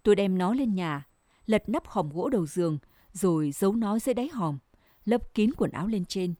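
A woman narrating a scripted first-person story in a measured, sorrowful way. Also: mid-range voice, animated, warm tone, dry recording, clean studio sound.

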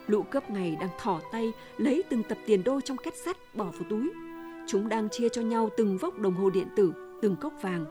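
A woman reading a story aloud in a steady, measured way. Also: mid-range voice, over music. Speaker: audiobook reader. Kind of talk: storytelling narration.

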